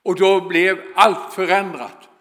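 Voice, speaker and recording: A man's voice: sits high, steady tone, sharp tone. A man voicing a reformed former gang leader in quoted speech, in an earnest, plain manner. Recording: long hall reverb.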